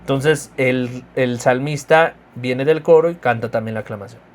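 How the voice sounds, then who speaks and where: A man with a Mexican accent teaching a course on reading at Mass, explaining clearly and sometimes chanting examples. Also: mid-range voice, moderate pace. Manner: explanatory, chants sung examples of psalm responses. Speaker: liturgy course instructor.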